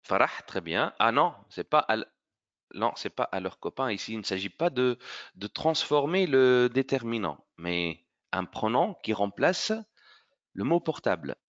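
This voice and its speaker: A male teacher runs an online French grammar lesson for children. He speaks slowly and with a lively, rising and falling pitch. His tone is bright, and the lo-fi audio sounds a little dull. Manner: encouraging, praises pupils by name; slow, careful explaining.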